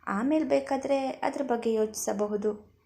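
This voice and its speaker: A woman's voice: a little high, moderate pace, vocal fry, warm tone. A woman voicing a playful young newlywed husband who teases and coaxes his wife, in a storybook reading. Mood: teasing. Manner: teasing, coaxing.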